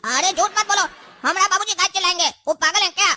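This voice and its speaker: A woman's voice: fast, sharp tone, no echo, clean studio sound. A woman, playing an insulting son woken at night in a comedy sketch. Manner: shrill, insulting.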